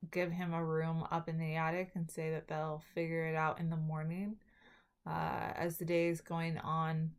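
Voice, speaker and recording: A woman talking with new dental braces, giving a halting spoken summary as a student presenter, often correcting herself. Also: low voice, smooth. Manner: halting, with self-corrections and trailing restarts. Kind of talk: spoken film summary for a class video.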